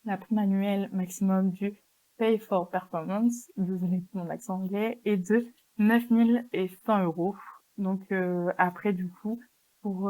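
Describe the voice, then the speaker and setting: A woman's voice: mid-range voice, warm tone, low-quality recording. A young woman with a French accent going over exam answers as a student tutor, hesitant, with many fillers and restarts. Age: young adult. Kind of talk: exam correction walkthrough.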